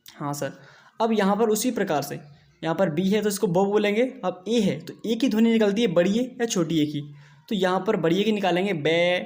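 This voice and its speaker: Man, high-pitched, teacher, slow classroom phonics lesson, repeats sounds for students. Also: a little mellow. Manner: drawn-out syllables, repeats each sound and asks the class back. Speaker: English teacher.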